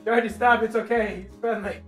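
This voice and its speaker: A man in casual gameplay chat, playful and excitable, his voice jumping from low mutters to high calls. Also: fairly quick, faint music behind. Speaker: VR game streamer.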